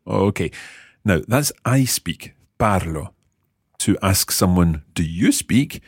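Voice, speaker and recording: As language teacher and host, a man with a low, slightly husky voice explains material and quizzes his co-hosts. His speech rises and falls in a lively way, and he repeats phrases slowly so they sink in. The audio is dry and close, with no echo.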